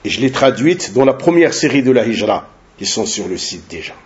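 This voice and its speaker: A man giving a religious lesson, translating a scholar's talk slowly and deliberately and often adding short tag questions. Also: medium pitch, sing-song. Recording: dull lo-fi recording.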